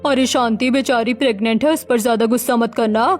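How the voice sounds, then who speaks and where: A woman's voice: on the high side, fairly even intonation, a little fast, a little mellow, close to an everyday voice. A woman doing a gossipy middle-aged auntie. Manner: gossiping, chatty.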